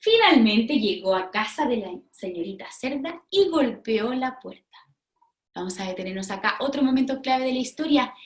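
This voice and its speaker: Lively teacherly woman reading aloud. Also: on the high side, normal speed. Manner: animated, questioning, teacherly. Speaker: pedagogue. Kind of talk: interactive storybook reading demonstration. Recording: roomy echo.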